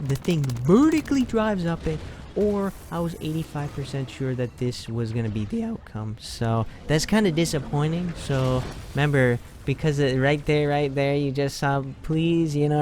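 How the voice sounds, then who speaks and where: A man giving a voice-over commentary on his own gameplay, excitable, swearing casually and acting out his reactions. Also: a little high, slight background noise. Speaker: gaming video creator.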